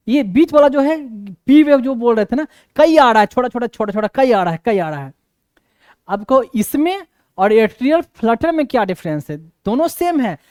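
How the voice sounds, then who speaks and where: A man's voice: high-pitched, a little mellow, clean tone, no room sound, clean studio sound. A man lecturing on medicine, repeating his points for emphasis and often checking that students follow. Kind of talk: classroom explanation.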